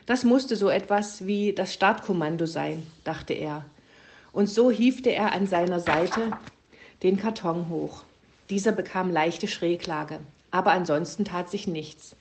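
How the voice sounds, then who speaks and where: A woman reading a children's story aloud in a calm, steady tone. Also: lowish voice.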